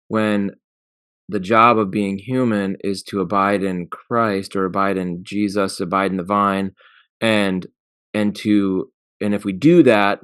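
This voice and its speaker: A man's voice: lowish voice, dry recording, clean studio sound. A man co-hosting a scripture discussion podcast, thinking aloud in a searching, questioning way. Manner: thoughtful, searching, restarts and questions himself. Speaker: podcast co-host.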